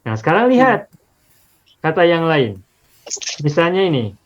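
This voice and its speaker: A man's voice: on the high side, big pitch swings, a little slow, highs cut off. A man teaching an Arabic linguistics lesson on the Quran, explaining patiently step by step and repeating examples.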